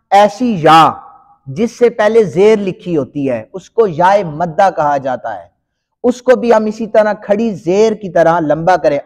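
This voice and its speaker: A male Quran teacher giving a tajweed lesson, explaining step by step and stretching words out in slow recitation. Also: sits high, a little mellow. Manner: explains slowly, then recites in long drawn-out chanting.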